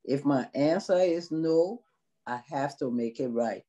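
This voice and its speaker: Over a video call from a small indoor room, a Liberian nursing assistant in long-term care gives an interview. She has a deep, mellow, animated voice, and her delivery is slow, earnest and measured.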